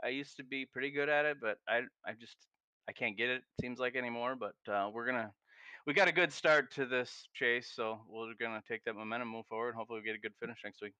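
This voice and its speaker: A man's voice: mid-range voice, steady tone, fast talker, pushed and bright, smooth, dry recording. A man giving a post-race interview as the runner-up, hesitant and full of "you know" and "uh.". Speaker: race driver.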